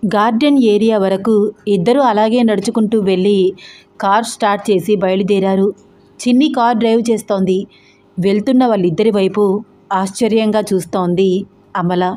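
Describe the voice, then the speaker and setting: A woman storyteller doing calm scripted narration of a romantic audio story. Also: medium pitch, moderate pace.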